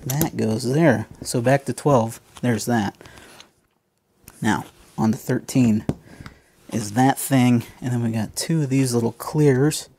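While building a toy kit, a man chats casually and unscripted with viewers, calling them folks and joking at his own expense. His mid-range voice has a dark tone and slow delivery, with slight background noise.

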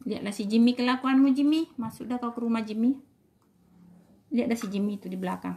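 A woman's voice: fairly high pitch, fairly even intonation, fast, dark tone. A woman vlogging as she feeds her dogs, talking to them in a singsong, affectionate way, cooing and scolding in turns. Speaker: dog owner feeding her dogs. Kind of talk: casual vlog talk to pets.

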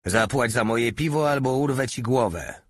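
A man voicing a huge, brutish male soldier who bellows slow threats. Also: medium pitch, breathy edge, dry recording, studio quality, voice pushed up, lightly acted. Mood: bellowing threat.

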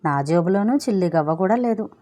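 A woman's voice: on the low side, expressive, a little fast, warm tone. A woman voicing Chinna, a sarcastic and wary young man who teases his friend. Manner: mocking, wary.

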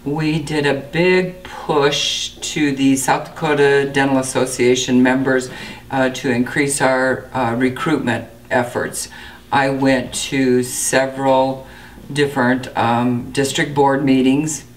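A woman in her sixties, a dental clinic director, giving a steady, matter-of-fact interview with frequent fillers. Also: rumbling low, slow, far from the mic, a little hiss or hum. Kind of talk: interview to camera. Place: indoor clinic room.

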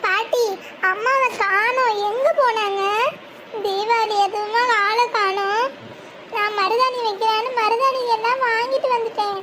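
Someone doing a tiny cartoon girl, sky-high voice, whiny and teary, loud hiss all over it. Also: steady tone, measured pace. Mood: tearful. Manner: pleading, tearful. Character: little girl missing her mother.

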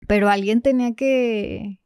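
A woman with a Mexican accent, a podcast guest telling a personal story in an animated way that drops to a hush when she quotes others. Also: a little high, measured pace, clear, resonant tone, no echo, clean studio sound.

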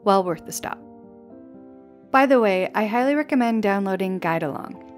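A woman's voice: mid-range voice, animated, moderate pace, faint music behind. A young woman in a vlog, giving an upbeat, descriptive voice-over as a travel guide. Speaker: travel vlogger. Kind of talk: scripted travel narration. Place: outdoors at a mountain lookout for on-camera parts.

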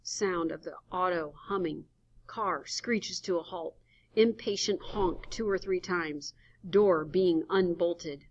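A woman's voice: on the low side, slow pace, darkish tone. A woman giving a dramatic reading of a radio play, reading the stage directions plainly, on a dull lo-fi recording. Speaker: reader.

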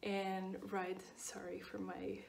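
A 29-year-old Portuguese woman speaks English with a Portuguese accent in a slow, monotone, mid-range voice with vocal fry and a darkish tone. She's a skincare vlogger casually reviewing products in her routine, repeating words and filling pauses often. The mic is distant and the room echoes, leaving her off-mic.

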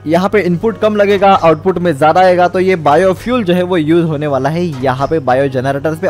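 A man's voice: fairly high pitch, a little mellow. Young male gamer narrating gameplay. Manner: explains step by step, mixes English words into speech. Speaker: gaming channel host. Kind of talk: casual gameplay commentary.

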